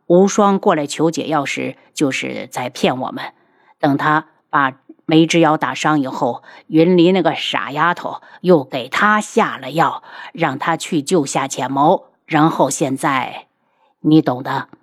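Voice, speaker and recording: A woman voicing a calm, protective young prince who soothes his wife in a low, measured voice. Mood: confiding.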